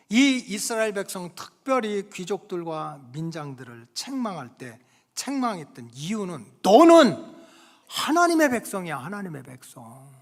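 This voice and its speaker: A male pastor preaching a Sunday sermon, acting out scolding parents and squabbling children, swinging between loud emphasis and near-whispered asides. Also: sits high, creaky. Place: church sanctuary. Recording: long hall reverb from the church.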